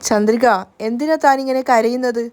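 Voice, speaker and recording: A woman reading out a steady, gentle young man in a spoken story recap. The voice stays high and light and speaks softly to comfort someone. It keeps an even, reassuring manner. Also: normal speed, natural voice.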